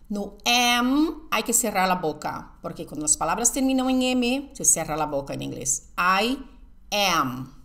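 A woman teaching an English lesson, drilling phrases with slow, emphatic repetition and answering her own questions. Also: mid-range voice, gravelly, fairly bright tone. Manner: asks the viewer questions and answers them herself. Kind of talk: online language lesson.

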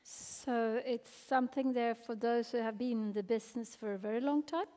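A woman's voice: a little high, fairly even intonation, moderate pace, mellow. A woman moderating a conference panel, polite as she hands the floor on. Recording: reverberant hall from off mic.

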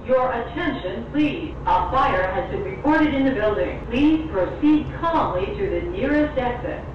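A woman's voice comes over a building's fire-alarm loudspeaker in a calm, measured, repeated emergency announcement. It booms off the walls from far away and sounds muffled, with clear noise underneath. The pitch sits a little high. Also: heavy reverb.

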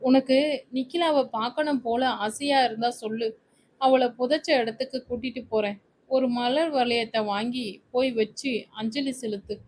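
A woman's voice: on the high side, steady tone, moderate pace, a little mellow, a little hiss or hum, natural voice, rough recording. A woman voicing a scheming man who fakes sympathy while lecturing. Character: scheming man feigning concern.

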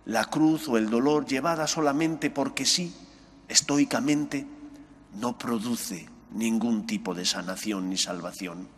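A man's voice: medium pitch, measured pace, slightly rough. Man preaching in a reverberant chapel. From Spain. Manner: earnest preaching, rising on questions, dropping soft on key words. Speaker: priest. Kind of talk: gospel reading and homily. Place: chapel sanctuary, at an ambo. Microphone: gooseneck mic on ambo. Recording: long church reverb.

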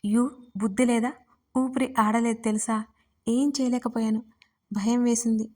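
A woman's voice: a little high, little pitch movement, a little slow. A woman reading as a feisty young heroine. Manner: sulky, sharp-tongued.

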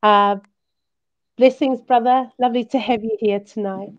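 A woman's voice: on the high side, fairly even intonation, normal speed. A woman, hosting a casual live talk show from a small room. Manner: hesitant, informal phrasing with Samoan greetings. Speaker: live stream host. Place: small room indoors at home. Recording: dull lo-fi video call audio.

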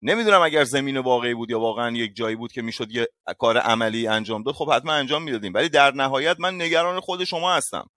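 A man hosting an online voice room, speaking in a measured, apologetic, placating way. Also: mid-range voice, lively intonation, sharp tone, no echo, clean studio sound. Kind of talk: calm conciliatory talk.

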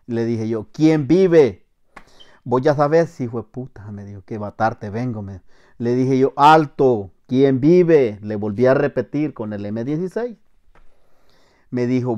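A middle-aged Salvadoran man, a former soldier, telling a story to camera with acted-out shouted commands. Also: mid-range voice. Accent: Salvadoran Spanish. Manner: acts out shouted commands, laughs, voseo slang.

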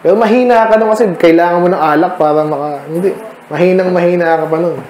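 Male Filipino pastor, fairly high voice, conversational teaching style; echoey church room. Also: quick pace, a little mellow, a little hiss or hum. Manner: conversational, quizzing listeners by name. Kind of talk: midweek Bible study sermon.

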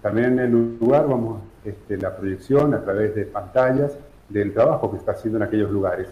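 A middle-aged man from San Juan, Argentina, explaining his charity's work in a remote news interview, measured and full of fillers. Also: on the low side, dark tone. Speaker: charity director guest. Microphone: video call. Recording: echoey room, dull video-call audio.

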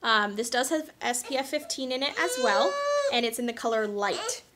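Young woman vlogger, talkative and candid, slightly high voice, relaxed product rundown. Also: moderate pace, heavy background noise. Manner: chatty, frank, many ums and asides. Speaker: beauty vlogger. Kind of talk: casual product review chat.

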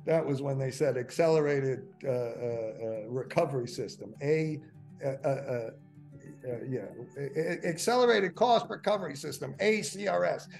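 An older man giving a webinar finance lecture. He rambles, stumbles over fillers and corrects himself, and gets excited now and then. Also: mid-range voice, normal speed, gravelly, soft background music. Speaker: finance instructor.

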